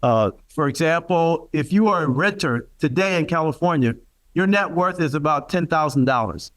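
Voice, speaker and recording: A man in his sixties giving a public speech at a symposium, earnest and halting with many fillers. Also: on the high side, animated. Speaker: panel speaker for a real estate group.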